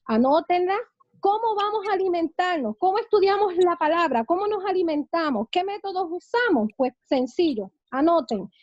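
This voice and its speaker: High-voiced woman pastor teaching fervently. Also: lively intonation, moderate pace, no room sound, muffled recording. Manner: fervent preaching, frequent amens. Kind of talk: teaching a church seminary class.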